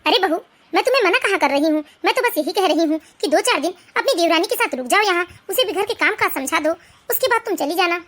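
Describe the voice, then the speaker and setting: A mild-mannered mother-in-law from an animated family tale, as a woman puts her on, gently coaxing. The voice is very high and bright. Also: quick pace. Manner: coaxing, pleading.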